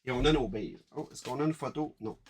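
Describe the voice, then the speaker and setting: A man's voice: mid-range voice, noisy background. Quebec French man calling card pulls. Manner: brisk, chatty, calls out each card as it is pulled. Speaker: host of a live card-break stream. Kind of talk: live commentary on opening card packs.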